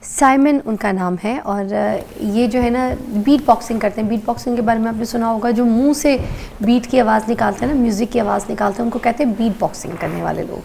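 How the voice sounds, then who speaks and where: A woman's voice: on the high side, creaky, few pauses, darkish tone, slight background noise. A woman from Pakistan hosting a TV morning show, chatting in a conversational style and telling anecdotes with frequent interjections. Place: TV studio.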